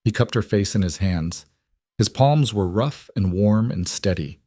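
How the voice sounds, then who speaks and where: A man narrating a frontier romance story in a measured, even storytelling manner. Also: fairly low pitch, no echo, studio quality. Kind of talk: scripted narration.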